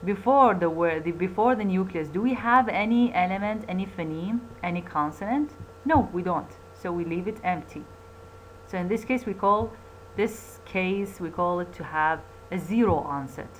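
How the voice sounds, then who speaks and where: A woman with an Iraqi Arabic accent lecturing on phonetics. She mixes Arabic and English, repeats key terms and corrects herself as she goes, speaking English slowly and Arabic quickly. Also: fairly low pitch, slight background noise, rough recording. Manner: slow, deliberate English; quick Arabic asides. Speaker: university lecturer.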